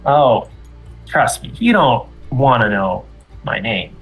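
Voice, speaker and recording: Hesitant male tabletop player, average pitch. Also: sing-song, slow pace, fairly bright tone, soft background music, rough recording. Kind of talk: casual, improvised role-play.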